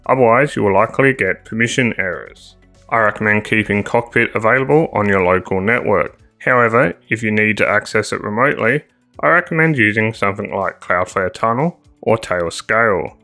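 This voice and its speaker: A man narrating a scripted tech tutorial voice-over, spelling out commands slowly and deliberately. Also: fairly low pitch, bright, forceful tone, faint music behind. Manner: slow, deliberate dictation of commands.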